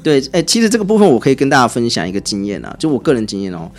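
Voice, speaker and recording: A man with a Taiwanese Mandarin accent, a guest on a podcast, telling travel anecdotes in a chatty, animated way. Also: mid-range voice, very fast. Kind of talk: casual podcast storytelling.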